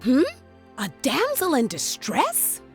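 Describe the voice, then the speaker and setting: A woman's voice: high-pitched, wildly swooping pitch, slow pace, soft background music, heavily acted. A woman voicing a brash, combative young fairy-tale heroine in a video game. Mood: alarmed, eager.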